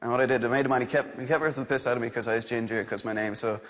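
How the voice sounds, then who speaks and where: A man's voice: medium pitch, steady tone, rapid-fire, big-room sound. A young man from Galway with a west of Ireland accent, rambling through casual, self-deprecating stage patter. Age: young adult. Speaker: dating show contestant, drama student. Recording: loud music behind the voice. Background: loud music.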